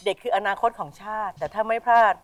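A woman's voice: mid-range voice, quick pace, natural voice. A woman playing a brash, flirty middle-aged woman who chases a younger man in a comedy sketch, with a teasing, brassy delivery. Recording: loud music behind.

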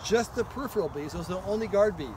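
A man's voice: high voice, expressive, fast talker, background noise. A man teaching a hands-on beekeeping demonstration at an outdoor apiary, giving practical instructions and often checking in with "okay?".

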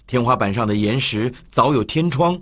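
Husky-voiced male audiobook narrator. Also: medium pitch, moderate pace. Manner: expressive storytelling. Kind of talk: scripted narration.

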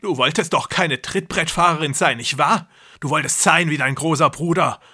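A man voicing a cruel, deluded young man who believes he is a god, speaking loudly and feverishly. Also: a little high, moderate pace, slightly rough, pitched above the performer's own voice. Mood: raving menacing. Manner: loud, intense, feverish delivery.

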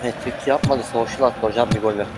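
A man adding relaxed, joking color commentary to an online football game, chatting with his partner between plays. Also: mid-range voice, quick pace, a crowd in the background, background noise. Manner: relaxed joking asides, addresses partner as hocam. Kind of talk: casual esports color commentary.

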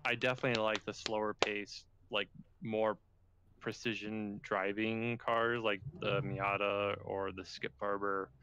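A man's voice: on the low side, little pitch movement, a little slow, muffled recording, noisy background. A young man chatting casually with fellow sim racers over voice chat, rambling with lots of fillers. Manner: rambling, filler-heavy, laid-back. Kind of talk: casual chat among friends on voice chat.

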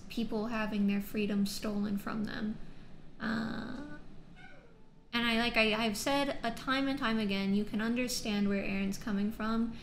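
A woman's voice: fairly high pitch, a little hiss or hum. A young woman hosting an anime reaction video, talking straight to her viewers in a chatty, emphatic way with plenty of fillers. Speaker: anime reaction channel host. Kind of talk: casual reaction commentary. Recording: roomy echo.

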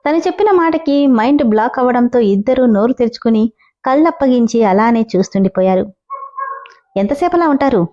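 A woman storyteller reading a drama story in a steady, even way. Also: a little high, fast talker, muffled recording.

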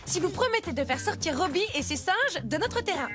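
A bold young cartoon athlete talks confidently and coaxingly in a very high, lively voice. Music plays clearly in the background. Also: female voice, fairly quick. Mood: eager. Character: bold, persuasive young basketball player in a cartoon.

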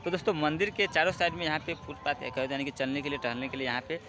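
A young man from Bihar, giving a casual vlog tour outdoors. He talks into a phone at arm's length, with many filler phrases and hesitant pauses. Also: fairly high pitch, steady tone. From Bihar, India. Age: young adult. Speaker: vlogger. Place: outdoors at a village temple ground. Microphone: phone held at arm's length.

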